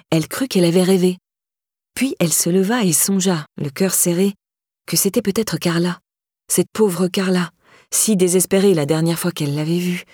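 Audiobook narrator, woman, measured delivery, low husky voice. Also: warm tone, no room sound, studio quality. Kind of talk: scripted narration.

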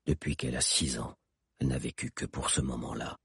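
Low, heavy-voiced storybook giant, gruff and protective; a man reads him. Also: steady tone, a little fast, dry recording, studio quality, full character voice. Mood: grave. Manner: deep, quiet and heavy.

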